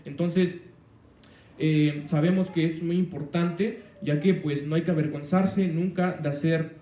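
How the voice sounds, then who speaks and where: A man's voice: on the high side, steady tone, unhurried, warm tone, roomy sound, far from the mic. A man preaching a sermon on the weekly Torah portion, rambling, with many fillers and restarts.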